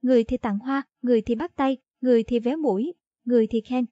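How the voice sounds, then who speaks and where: A woman reading a short story aloud in a steady storytelling narration. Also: a little high, fast talker, no room sound. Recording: dull lo-fi dry audio.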